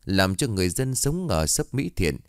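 Deep-voiced male horror storyteller. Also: very animated, moderate pace, no room sound, clean studio sound. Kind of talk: scripted narration of a horror tale.

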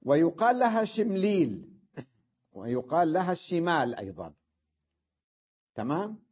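A man's voice: on the high side, sing-song, normal speed, slightly rough, highs cut off. A male teacher giving a classroom lesson on Arabic grammar, explaining step by step and often checking that his students follow.

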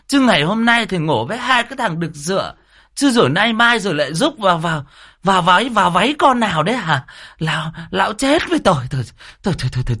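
Man putting on a shrill nagging wife. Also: bright, forceful tone, slightly rough, full character voice. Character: angry middle-aged woman scolding drunk husband.

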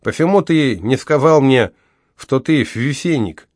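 A man's voice: mid-range voice, animated, unhurried, no room sound, pitched above the performer's own voice. A young battered woman with a thick lisp from her missing front teeth, as a male narrator puts her on, speaking bitterly and bluntly. Her voice sits well above the reader's own. The reading is close and dry, with no room sound. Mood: earnest blunt.

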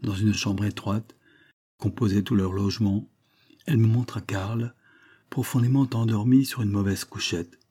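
A man reading a classic literary story aloud in a measured, storytelling manner. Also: fairly low pitch, steady tone, mellow, breathy edge. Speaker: audiobook reader. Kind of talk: scripted narration of a 19th-century story.

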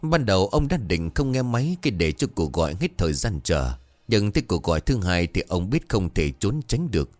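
A man narrating a horror story in an expressive, dramatic storytelling manner. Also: sits low, brisk, hardly any pauses, dry recording.

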